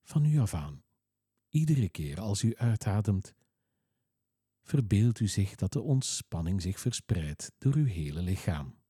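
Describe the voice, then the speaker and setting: A man leads a relaxation exercise, his low voice slow and soothing. The tone is dark and very husky. The recording is close and dry, with no room sound. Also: dry recording. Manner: slow, soothing, calm instructions. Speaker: relaxation guide. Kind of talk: guided relaxation script.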